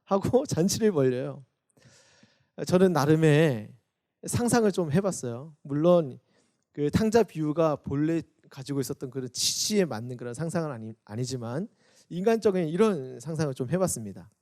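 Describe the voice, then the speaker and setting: A man, a youth pastor, preaching a Sunday sermon for an online service; he acts out quoted voices, rising loud and then dropping soft. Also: fairly high pitch, lively intonation, moderate pace.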